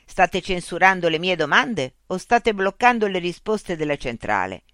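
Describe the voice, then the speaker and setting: A man's voice: sits high, sing-song, moderate pace, a bit bright, no echo, studio quality, voice pushed up. A narrator voicing a frustrated man who argues with a machine in an exasperated, insistent way. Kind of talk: audiobook character voice.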